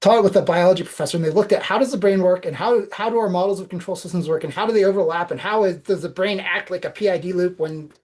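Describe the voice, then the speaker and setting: Low-voiced woman telling reflective stories. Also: fast talker, few pauses, a little mellow. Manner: reflective, anecdotal storytelling. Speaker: podcast guest. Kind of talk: casual interview conversation.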